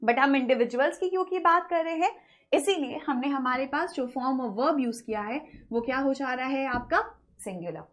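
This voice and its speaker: This woman's voice is high-pitched, animated, and a little bright. She is giving an online English grammar lecture, mixing Hindi and English, answering her own questions, and reading example sentences at a slower pace.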